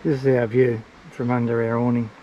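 An older Australian man with a relaxed, laid-back manner, chatting casually to camera as a travel vlogger outdoors. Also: medium pitch, fairly quick, dull audio, slight background noise. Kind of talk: casual vlog narration to camera. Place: outdoors at bush campsites and lakeside.

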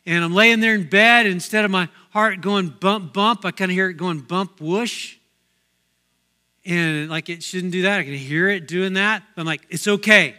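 A man's voice: high voice, a little fast, few pauses, sharp tone, clean tone. A middle-aged man preaching a sermon as pastor, telling a personal story in a conversational way with many asides. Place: church sanctuary.

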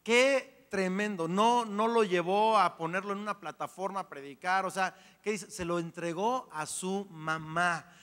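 A man preaching a sermon as pastor, animated and playful, acting out little voices along the way. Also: sits high, unhurried, few pauses. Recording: long hall reverb.

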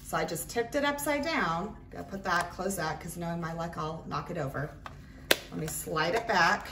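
A woman's voice: lowish voice, moderate pace. A woman giving a casual, chatty product demonstration at a tabletop while handling small clicking items. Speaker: craft product reviewer. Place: indoors at a tabletop, roomy. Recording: roomy, distant mic, faint noise, clicking. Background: clicks and rattles of handled items.

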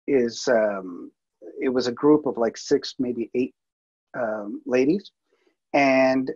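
Over slides in a webinar, a multimedia producer casually explains his workflow, often using fillers and starting over. The recording cuts off the highs, and his medium-pitched voice sounds darkish with a breathy edge.

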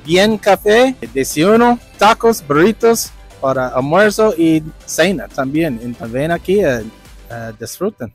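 Middle-aged man in slow, halting Spanish. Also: on the high side, lively intonation. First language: English. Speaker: restaurant co-owner. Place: outdoors at a restaurant front. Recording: faint background music.

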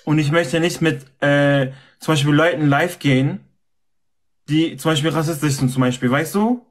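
A man's voice: a little high, moderate pace. A man in a heated live argument, defensive and insistent, repeating his points. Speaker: streamer in a live dispute.

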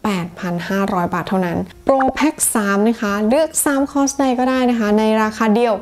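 A woman's voice: a little high, a little fast. A young woman from Thailand giving a casual English lesson in a friendly, chatty way, moving between Thai and English. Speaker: English teacher.

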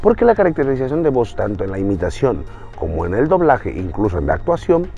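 Animated man teaching voice acting. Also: fairly quick, creaky. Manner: animated, talks straight to the viewer, jumps between pitches. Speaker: voice-acting teacher, channel host. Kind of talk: casual online lesson. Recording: dull lo-fi sound with faint music.

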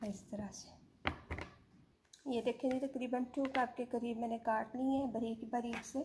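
Woman, home cooking host, fairly high voice, chatty step-by-step talk to viewers with English words mixed in. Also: level tone, measured pace, background noise. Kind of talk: step-by-step recipe demonstration.

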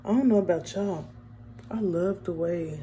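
Humming along while she does her makeup, a beauty vlogger chats casually and addresses viewers as y'all. She has a lowish, mellow voice and an unhurried pace, with a little hiss or hum in the background.

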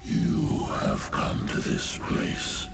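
An actor playing an ancient, colossal alien creature in a video game, with a guttural growl and slow, portentous delivery. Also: male voice, loud music behind the voice. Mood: ominous. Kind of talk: dramatic video game acting.

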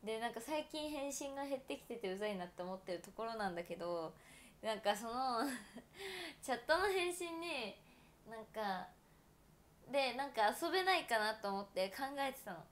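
A woman's voice: a little high, animated, moderate pace, a bit bright. A woman in her twenties from Toyama, chatting casually and giggling often as a livestream host, filling her talk with fillers. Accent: Toyama Japanese. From Japan (Toyama). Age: 20s. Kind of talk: casual solo livestream chat.

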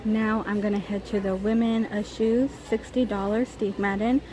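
Browsing a large store with a camera in hand, an American vlogger chats casually about what she sees. Her mid-range voice barely moves in pitch, her speed is normal, and the store's ambient noise comes through clearly on the handheld mic.

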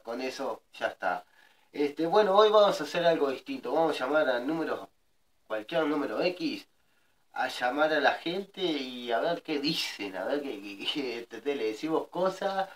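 A man's voice: mid-range voice, a bit bright, far from the mic. A man in his thirties with a Rioplatense Spanish accent, talking casually as an amateur YouTube host making prank calls. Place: by a brick fireplace with a wood fire. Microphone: camera a little way off.

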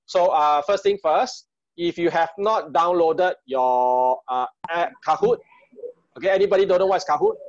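Man, Singaporean accent, informal online host, higher-pitched voice, muffled video-call audio. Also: normal speed, dry recording. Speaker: host of an online group party. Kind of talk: casual, informal hosting with Singlish particles. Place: small room at home, on a video call.

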